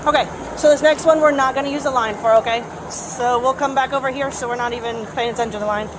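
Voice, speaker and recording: Noisy street bodycam, lady cop with a highish voice giving test instructions, patient but firm. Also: steady tone, fast talker. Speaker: police officer. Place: outdoors at a roadside. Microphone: body camera. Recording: noisy outdoor bodycam, traffic around.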